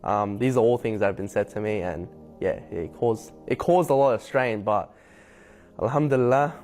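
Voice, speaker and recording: A young man from Hong Kong telling his personal story to camera, reflective and unhurried, with frequent ums. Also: on the low side, a little mellow. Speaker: convert sharing his story. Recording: faint music bed behind voice.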